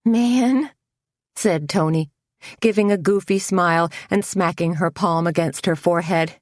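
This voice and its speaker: A woman with a low voice reads an audiobook in a measured, even way. The recording is close and very dry, with no room sound. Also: no echo. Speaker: audiobook narrator. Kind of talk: scripted audiobook narration.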